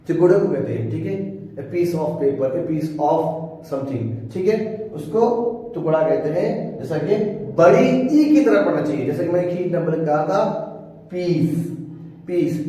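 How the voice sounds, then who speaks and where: Male teacher, high voice, unhurried drilling of words, long reverb, distant mic. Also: warm tone. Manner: repeats words slowly, says "ठीक है" often. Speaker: English teacher. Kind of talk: classroom-style lesson. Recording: echoey room, mic far away.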